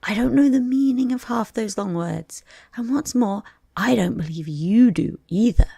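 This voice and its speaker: A woman's voice: fairly high pitch, lively intonation, normal speed, vocal fry, warm tone, husky, no room sound, clean studio sound, pitched above the performer's own voice, heavily acted. A woman voicing a bold, impatient young eaglet in a storybook, blunt and protesting. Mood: indignant, cheeky. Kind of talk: storybook character voice.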